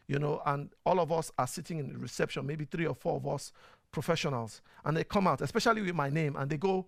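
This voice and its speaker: The speaker is the host of a casual online show, a man with a Nigerian accent whose live-stream talk is chatty and full of fillers. He pitches a little high with some gravel, and his voice sounds close and dry, with no echo or room around it.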